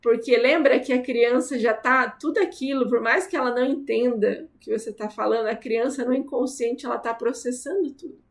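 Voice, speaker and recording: A woman speaks earnestly in a casual advice monologue, telling stories and turning to address mothers directly. Her voice sits a little higher than most women's. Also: brisk, hardly any pauses. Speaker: channel host giving advice.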